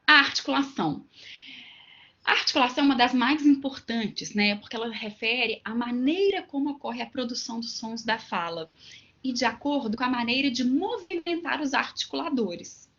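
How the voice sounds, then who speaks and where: High-voiced Mineira woman lecturing teachers. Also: lively intonation, normal speed, pushed and bright, highs cut off. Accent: Minas Gerais Brazilian Portuguese. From Minas Gerais, Brazil. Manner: explanatory, with everyday examples and asides.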